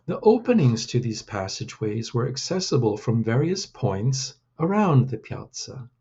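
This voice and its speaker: A man reading his own storybook aloud in a deliberate, measured way. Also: medium pitch, sing-song, warm tone, breathy edge, lo-fi sound.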